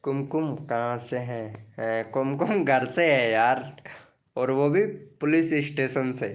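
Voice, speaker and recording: A man's voice: mid-range voice, slow pace. A man hosting a casual live stream, chatting playfully with viewers and teasing them by name as he promotes their channels.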